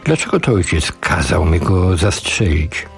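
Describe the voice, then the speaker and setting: A man reading the lines of a young man who speaks quietly and hurt in a storybook reading. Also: sits low, sing-song, measured pace, vocal fry, faint music behind, pitched below the performer's own voice, heavily acted.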